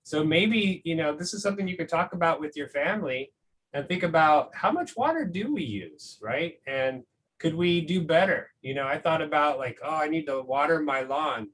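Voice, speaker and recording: Reading a picture book to school families, this man speaks at normal speed in a slightly bright, higher voice with lively intonation. He chats about the story encouragingly and conversationally, frequently asking "right?". The recording quality is poor and background noise is noticeable.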